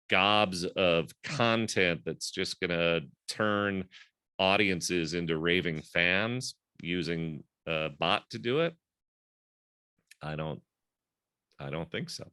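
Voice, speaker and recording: A man's voice: deep voice, bright, forceful tone, clear, resonant tone, no echo, clean studio sound. A man hosting a casual group discussion over a video call, rambling and thinking aloud with lots of fillers.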